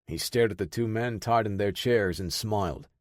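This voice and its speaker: Steady male audiobook narrator. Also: on the low side, moderate pace, no room sound, clean studio sound. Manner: steady, dramatic storytelling. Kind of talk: scripted narration.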